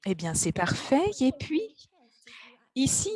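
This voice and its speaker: A woman giving live interpretation of an online event's host and panelists, halting now and then with fillers as she keeps pace. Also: high voice, huge pitch swings, darkish tone, slightly rough. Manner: halting, with fillers and restarts while keeping up with speakers.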